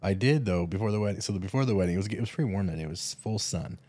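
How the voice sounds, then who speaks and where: A man with a very low voice co-hosts a podcast, telling easygoing stories in rapid-fire yet mellow fashion, with frequent restarts. It's casual chat from a laid-back storyteller who sounds worn out after a red-eye flight. The recording is dry and close, with no room sound.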